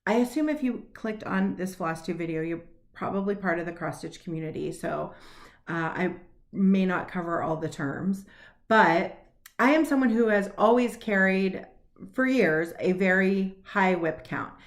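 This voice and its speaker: A woman's voice: medium pitch, lively intonation, moderate pace. A woman in her late forties chatting casually to camera about her cross stitch plans, upbeat and laughing at herself. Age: 40s.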